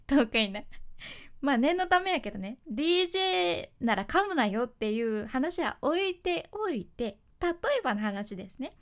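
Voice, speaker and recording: A woman radio announcer with a Hakata dialect, hosting a chatty advice podcast and explaining with lively asides. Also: sits high, unhurried. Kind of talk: casual spoken advice podcast.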